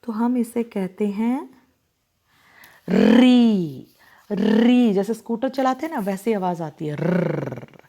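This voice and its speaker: A woman teaching children how to write vowels, speaking slowly and deliberately, drawing out each sound and checking that they follow. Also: fairly high pitch, mellow. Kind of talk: slow, patient handwriting lesson for children.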